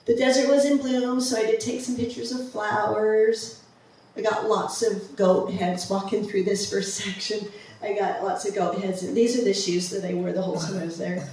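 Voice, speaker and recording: A woman's voice: mid-range voice, fairly even intonation, normal speed, darkish tone, slight background noise. A woman giving a casual, enthusiastic slideshow talk, with many ums and restarts. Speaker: presenter of a travel slideshow. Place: museum presentation room. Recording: far-off mic in a very echoey room.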